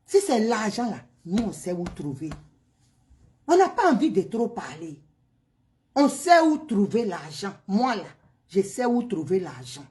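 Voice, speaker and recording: A woman in a heated, mocking rant to the camera, swinging from loud outbursts to hushed asides. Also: mid-range voice, big pitch swings, measured pace.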